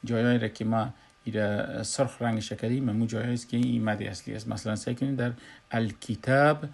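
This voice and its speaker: A man with an Afghan Dari accent teaches Quran recitation in a recorded lesson, explaining slowly and pausing often with "uh". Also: on the low side, flat delivery, vocal fry, darkish tone, slightly rough. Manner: slow, explanatory, with frequent "uh" pauses.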